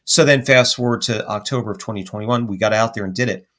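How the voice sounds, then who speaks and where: This man's voice runs on the low side at a quick pace. He's a paranormal investigator appearing as a podcast guest, spinning an animated, meandering tale and fixing his own words as he goes.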